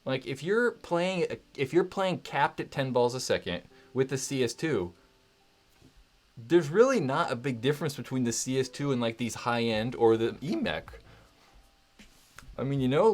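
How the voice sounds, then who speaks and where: A man's voice: medium pitch, normal speed. A man hosting a casual livestream from home, rambling and candid, filling his talk with "like" and "right?" and swearing now and then. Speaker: livestream host.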